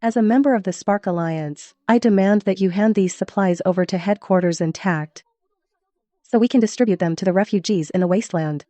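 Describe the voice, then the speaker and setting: A woman's voice: medium pitch, fairly quick, warm tone, no room sound, natural voice. A woman voicing a righteous, stern alliance officer with formal delivery in a dramatic English dub. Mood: stern demand.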